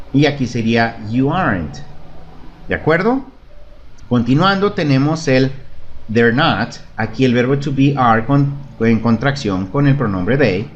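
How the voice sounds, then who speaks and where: A man's voice: medium pitch, lo-fi sound, slight background noise. A man teaching a beginner English lesson in Spanish, patiently modelling phrases for repetition and checking understanding. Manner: patient, repeats and checks with "¿De acuerdo?". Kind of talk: online language lesson.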